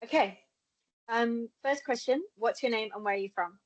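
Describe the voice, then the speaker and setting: A woman's voice: on the high side, moderate pace. A young woman hosting a conversational interview, asking questions and responding to the answers.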